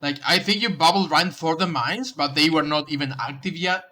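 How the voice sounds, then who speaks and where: A man's voice: on the high side, normal speed, pushed and bright. A man reviewing someone's game footage, coaching them in casual commentary, often stumbling and restarting his sentences. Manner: coaching, direct advice.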